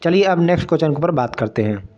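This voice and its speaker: A man's voice: fairly high pitch, animated, quick pace, a little mellow. A man teaching an online exam prep lesson, explaining step by step and often checking that students follow. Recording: muffled lo-fi recording.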